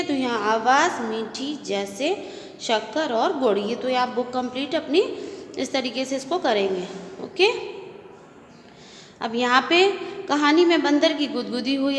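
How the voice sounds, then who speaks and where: Casting: woman school teacher, high voice, repetitive checking-in style, long echoey room. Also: slight background noise. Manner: repetitive, checks with "okay?", mixes in English words. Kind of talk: recorded Hindi class lesson.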